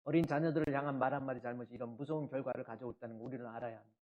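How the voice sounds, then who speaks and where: Male pastor, sunday sermon, emphatic, questions to the congregation, loud bursts then low asides. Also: fairly even intonation, racing, lo-fi sound, slight background noise. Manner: swings between loud outbursts and low asides. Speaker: senior pastor.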